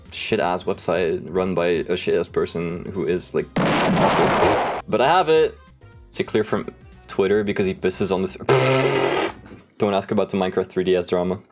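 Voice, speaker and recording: Sweary young male streamer, lowish voice. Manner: sweary, animated storytelling. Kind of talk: casual livestream chat. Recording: music playing behind the voice. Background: background music.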